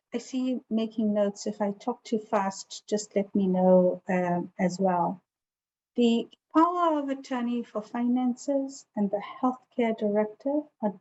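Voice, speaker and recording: An estate planning attorney with a South African accent presents an informal, explanatory online seminar in a conversational way. She speaks from a video call with a virtual background, her mid-range voice darkish in tone, and the audio has a dull lo-fi sound.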